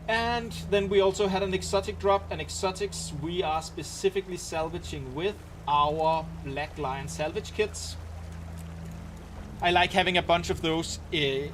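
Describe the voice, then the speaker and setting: With a noisy background behind him, a man with a high voice, fairly even intonation and a measured pace casually comments on a game during a live stream. He has a Danish accent and tends to ramble and explain, with frequent ums and restarts.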